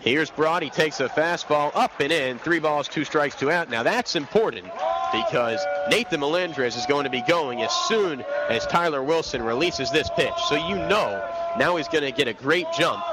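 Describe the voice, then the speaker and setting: Calling baseball live on the radio, this young man has a fairly high, expressive voice and speaks at normal speed. Short count updates give way to flowing descriptive passages. He's in an outdoor stadium's broadcast booth, and loud ballpark noise surrounds the recording.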